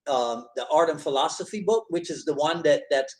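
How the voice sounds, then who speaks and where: A man's voice: on the high side, moderate pace, a little mellow. Easygoing man. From Barbados. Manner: easygoing, agreeable, frequent affirmations. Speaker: podcast host. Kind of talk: casual conversation.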